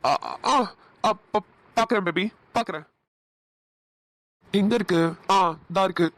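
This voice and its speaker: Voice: mid-range voice, slow, heavy background noise, natural voice. A performer voicing a broke, scheming young man in a cartoon, stammering and evasive. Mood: flustered. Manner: hesitant, stammering fillers. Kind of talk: Tamil cartoon dubbing.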